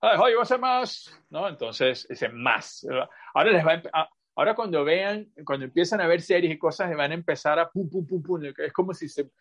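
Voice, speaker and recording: A man's voice: on the high side, fairly bright tone. A man teaching a language class over a video call, explaining patiently with examples, asides and many fillers. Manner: drawn-out, repetitive phrasing with many fillers.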